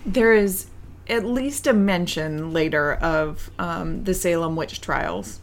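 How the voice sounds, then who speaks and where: This is a woman with a somewhat low voice, co-hosting a relaxed podcast. Her talk meanders thoughtfully and is broken by light giggles, with a faint hiss of noise behind her. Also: takes it slowly. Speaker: podcast co-host. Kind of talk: casual podcast chat.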